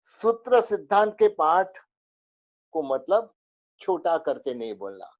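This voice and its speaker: A man's voice: a little high, big pitch swings, slow pace, dull audio. A man teaching a spoken religious lesson, going through a list of rules with many fillers.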